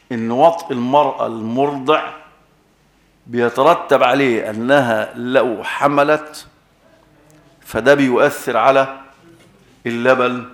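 A man's voice: medium pitch, reverberant. An Egyptian man preaching a sermon with an Egyptian accent, emphatic, repeating key words and quizzing his listeners.

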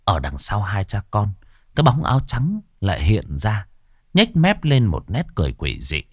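A man's voice: moderate pace, slightly rough, dry recording, studio quality. A man narrating a ghost story as storyteller. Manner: expressive, varied pitch.

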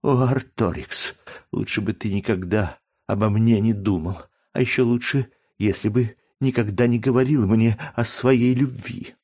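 A man's voice: on the low side, a little slow, darkish tone, pitched above the performer's own voice. A man reading aloud, voicing a proud young woman who speaks through tears in an audiobook. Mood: sorrowful. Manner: trembling, tearful pleading.

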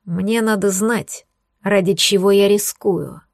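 A woman voicing a domineering young male werewolf in an audiobook, speaking low, hushed and slow. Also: steady tone, vocal fry, no room sound, studio quality. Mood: menacing. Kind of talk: audiobook character voice.

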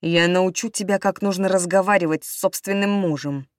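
A woman voicing an abusive young husband who shouts with contempt, in a dry audiobook reading. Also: on the low side, normal speed, dry recording, natural voice. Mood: raging.

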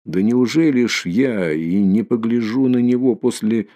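A man's voice: mid-range voice, a little slow, mellow, lightly acted. A man voicing a frightened, tearful mother who pleads timidly and anxiously. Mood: frightened pleading. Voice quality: pleading, fearful.

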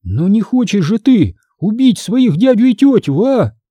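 A man putting on an eager, excitable young girl. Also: measured pace, no room sound, heavily acted. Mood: excited. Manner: breathless, eager, high-pitched. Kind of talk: audiobook character voice.

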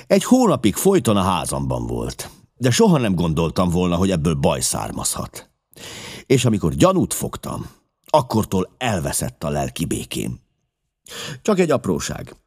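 Deep-voiced man reading expressively. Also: husky. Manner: expressive, emotional, with sudden drops to a hush. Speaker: audiobook narrator. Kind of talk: dramatic first-person audiobook reading.

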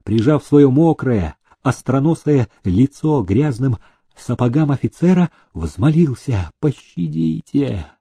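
Slow, husky-voiced male storyteller. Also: medium pitch, expressive, warm tone, dry recording. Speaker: audiobook reader. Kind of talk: scripted narration.

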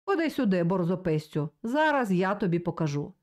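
A woman voicing a drunken, rowdy young man who shouts and taunts in a storybook reading. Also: fairly low pitch, sing-song, brisk. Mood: drunk bellowing.

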